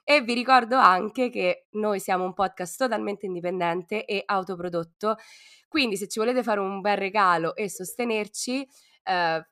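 A woman with a hoarse, cough-worn voice co-hosts a podcast, talking informally and playfully with plenty of slang. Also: mid-range voice, fairly bright tone. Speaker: podcast co-host. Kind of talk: casual podcast talk.

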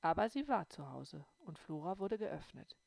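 A woman narrating a first-person audiobook in a calm storytelling manner. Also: lowish voice, normal speed, creaky, dry recording. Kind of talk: scripted narration.

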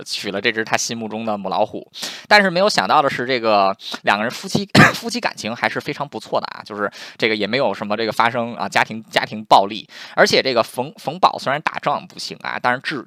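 A man casually telling a history story in a lively, chatty way with lots of fillers. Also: lowish voice, no room sound, clean studio sound.

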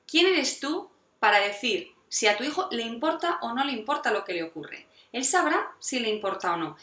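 Woman, parenting educator, expressive and lively, recorded in a roomy space. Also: a little high. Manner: animated, acts out quoted dialogue with parents and children. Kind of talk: advice talk to parents.

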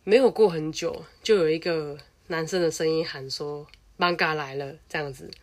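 Here a Taiwanese-accented young woman shares a story from her own life at a normal pace, her pitch low. The delivery is animated, offhand and frank, with plenty of swearing.

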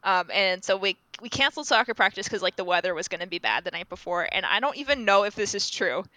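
A woman in her twenties, co-hosting a podcast and telling stories in a chatty, animated way with many fillers. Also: medium pitch, quick pace, dry recording, low-quality recording. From Rhode Island. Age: 20s. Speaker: podcast co-host. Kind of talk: casual chat.

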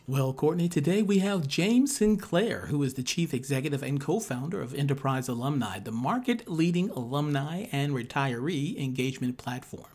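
A man who produces and co-hosts a podcast, joking dryly and reading the show intro in a slow radio-announcer delivery. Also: on the high side, animated, a little mellow.

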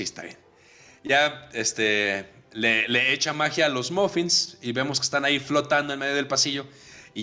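A man with a Mexican Spanish accent co-hosting a podcast. He rambles through a casual film recap, full of hesitations and quick acted-out quotes. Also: mid-range voice, pushed and bright. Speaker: podcast co-host. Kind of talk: casual movie recap chat.

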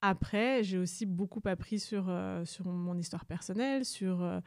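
Young woman museum guest, hesitant with many fillers, warm dark voice, close dry recording. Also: lowish voice, moderate pace, no echo. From Rwanda. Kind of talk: interview answers.

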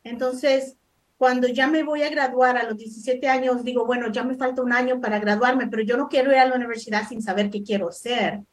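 A woman's voice: fairly high pitch, steady tone, a little fast. A middle-aged woman from El Salvador, a life coach answering interview questions modestly, with frequent hesitations. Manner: modest, hesitant with many fillers.

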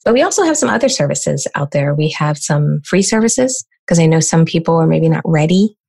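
An American woman answering interview questions as a business coach, explaining in a brisk way with lots of rhetorical questions. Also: low voice, expressive, vocal fry, a little mellow. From United States.

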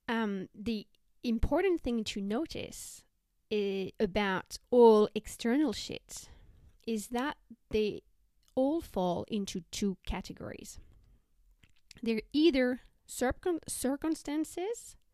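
A woman hosting a self-help podcast, talking conversationally in a measured, explanatory way. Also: fairly high pitch, expressive, warm tone, no room sound, clean studio sound. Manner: measured, explanatory, listing examples. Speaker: podcast host.

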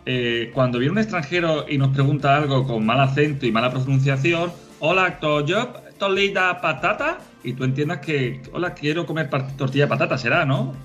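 A man's voice: mid-range voice, brisk, few pauses, fairly bright tone, faint music behind. A man from Spain hosting a casual chat, full of curious questions. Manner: curious, asks many questions. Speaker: host.

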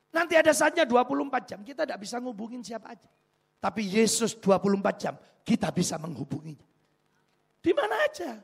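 A man's voice: very high voice, vocal fry, husky. A male pastor preaching a sermon, telling humorous anecdotes and putting rhetorical questions to the congregation.

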